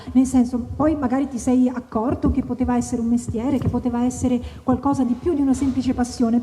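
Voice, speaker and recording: Brief: high, chatty woman host, live onstage banter, long reverb, faint noise. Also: mellow. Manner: chatty, joking, quick to banter. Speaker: event host and interviewer. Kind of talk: casual live onstage conversation. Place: outdoor tent at an evening wine festival.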